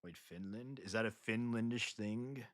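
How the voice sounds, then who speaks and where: A man streaming while painting miniatures, chatting casually, joking loudly and laughing often. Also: fairly low pitch, normal speed. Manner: loud joking outbursts and frequent laughter. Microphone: home streaming mic.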